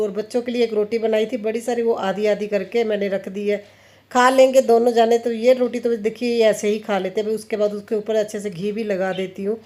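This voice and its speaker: A woman's voice: mid-range voice, warm tone. A woman in her thirties from India, chatting casually about her family and her kitchen routine as she works, with frequent laughs. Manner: chatty, laughs often, quotes family conversations. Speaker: home vlogger, mother.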